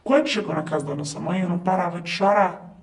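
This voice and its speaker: High-voiced man telling a story. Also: fast talker. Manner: conversational, with fillers and asides. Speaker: story narrator. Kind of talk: first-person story narration.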